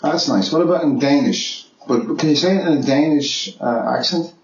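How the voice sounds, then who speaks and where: A man's voice: fairly high pitch, moderate pace. A man hosting a casual chat from home, talking hesitantly with many restarts. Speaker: podcast host. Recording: echoey room, dull sound, faint noise.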